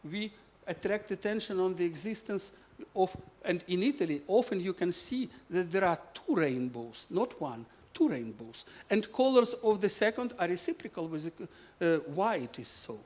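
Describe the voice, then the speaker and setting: A man from Ukraine, presenting his physics book in halting full of "uh" fillers. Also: high voice, very animated. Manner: halting non-native English with many "uh" fillers.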